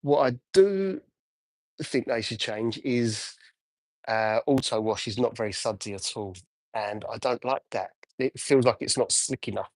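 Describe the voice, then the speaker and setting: A man's voice: medium pitch, a little slow, no echo. Chatty man detailing a car live. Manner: chatty, answers viewer comments while washing a car. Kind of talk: casual live-stream chat while working.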